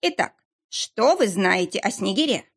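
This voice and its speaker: A menacing male interrogator with a mocking, threatening manner, as a woman reader puts him on. His lines rise and fall in lively, teasing turns. The voice stays slightly husky and breathy, read as part of a storybook. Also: mid-range voice, unhurried. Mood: mocking menace.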